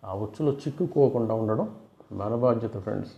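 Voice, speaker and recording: A video host gives fraud awareness advice in a casual, explanatory way, often repeating and rephrasing his points. His voice is fairly low, creaky and mellow, and he speaks briskly. The sound is roomy, dull and lo-fi.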